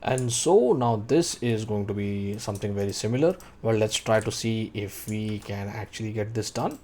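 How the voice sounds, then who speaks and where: Lowish and a little mellow, with lively intonation and a moderate pace, this voice belongs to a 3D modeling tutor in his thirties. He records his screen for a software tutorial, talking through his thinking and calling out keyboard shortcuts.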